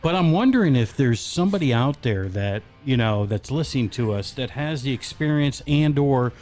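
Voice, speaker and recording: A man's voice: mid-range voice, expressive, normal speed, darkish tone. A man co-hosting a casual podcast, joking and rambling, listing things off on a webcam. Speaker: podcast co-host. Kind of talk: casual chat. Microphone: webcam setup.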